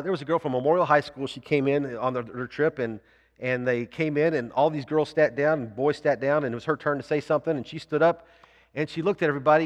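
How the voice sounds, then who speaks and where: A man's voice: fairly high pitch, a bit bright. A man preaching a sermon, telling a story in a loose, conversational way with restarts and fillers. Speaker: pastor. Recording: long hall reverb.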